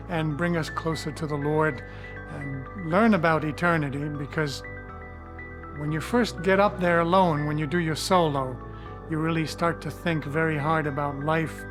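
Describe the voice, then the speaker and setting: An older man from Tanzania, a pilot and ministry founder, giving a measured, earnest testimony with occasional fillers. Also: fairly high pitch. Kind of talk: testimony interview.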